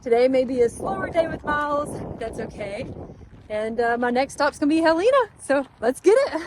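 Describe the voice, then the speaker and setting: Over a noisy background, a young woman on a long-distance hike talks to her camera in a high, expressive voice at a moderate pace. It's a casual, earnest, upbeat motivational pep talk.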